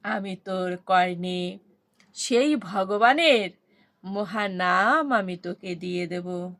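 A woman doing a soft remorseful saint. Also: medium pitch, takes it slowly, dry recording, pitched below the performer's own voice. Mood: remorseful tender. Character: gentle tearful male saint, remorseful.

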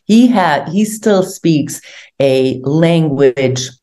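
A woman's voice: low voice, extremely slow. An older woman, born in Hungary, talking animatedly as an interview guest over a video call from her home. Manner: animated storytelling, gesturing with hands. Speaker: guest, tour organizer. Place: home room indoors. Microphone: video call webcam.

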